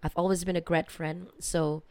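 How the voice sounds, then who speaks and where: A woman, chatting casually as an interview guest, her voice hoarse from a swollen, sore throat. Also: on the low side, flat delivery, moderate pace, a little mellow, no echo. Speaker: podcast guest, singer.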